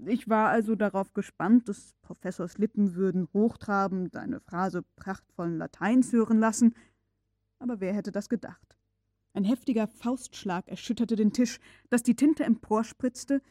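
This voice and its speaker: A woman narrating an audiobook in a calm, measured storytelling voice, recorded close on a studio microphone. Her pitch sits in a middle register, and the sound is dry with no room echo. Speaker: audiobook reader. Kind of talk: scripted narration of a classic novel.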